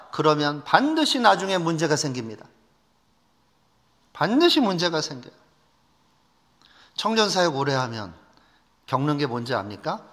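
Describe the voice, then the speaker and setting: A man's voice: high-pitched, pushed and bright. A man preaching a sermon as a pastor, emphatic and earnest, building into fervent pleading. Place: church sanctuary. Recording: long church reverb.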